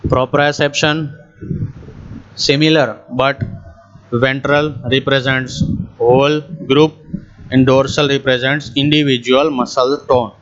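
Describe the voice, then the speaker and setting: A man giving a slow, deliberate anatomy lecture, switching between Hindi and as he walks through a diagram. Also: mid-range voice, level tone, fairly bright tone. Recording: muffled, slightly lo-fi screen recording.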